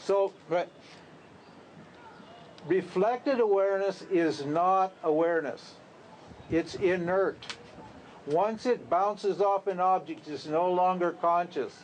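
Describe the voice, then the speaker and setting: A man with a fairly high voice teaches a group in a loose, conversational way. He asks rhetorical questions and now and then laughs at his own lines. A faint hiss of noise sits under his voice. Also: slow pace, pauses often. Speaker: spiritual teacher. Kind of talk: informal spiritual talk to a group.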